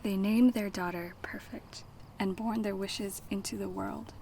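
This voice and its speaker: A twenty-year-old woman from the United States performing spoken word poetry with a rhythmic, dramatic delivery and repeated refrains, often breathy and half-whispered. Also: mid-range voice, steady tone, unhurried, darkish tone, a little hiss or hum, poor audio. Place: banquet event.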